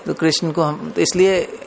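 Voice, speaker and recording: Male preacher, conversational sermon delivery, gravelly, slightly high-pitched, English words mixed in. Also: slight background noise. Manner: conversational, mixes English words, laughs between points. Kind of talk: Hindi discourse on scripture.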